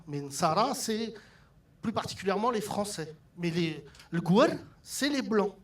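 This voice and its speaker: A man doing a stand-up comedy set on stage, telling stories with lively delivery and mimicking his mother. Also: high voice. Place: theatre stage with audience laughter.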